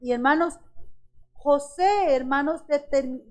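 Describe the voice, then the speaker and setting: A high-voiced woman delivers a church sermon, addressing her congregation as brothers and firing off one rhetorical question after another. She slows down to stress key phrases while quiet music plays underneath.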